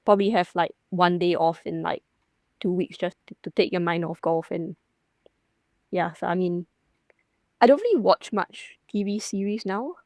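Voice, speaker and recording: A woman's voice: on the low side, moderate pace, long pauses, a little mellow, no room sound. A young woman from Singapore, a professional golfer, chatting casually in an interview with many fillers and restarts.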